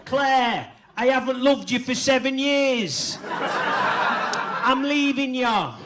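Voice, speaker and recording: Comedian doing a droning, monotone Mancunian man. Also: very high voice, slow pace, pitched above the performer's own voice. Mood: deadpan. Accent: Manchester. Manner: monotone, deadpan whatever the drama. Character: flat Mancunian man droning everything in one tone. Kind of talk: stand-up comedy impression. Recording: noisy live comedy club recording.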